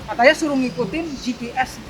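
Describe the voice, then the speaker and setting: An older woman who drives an online taxi tells a story in a casual interview, animatedly acting out both sides of each exchange. Her voice sits high and her pace is quick, with a little hiss or hum on the recording.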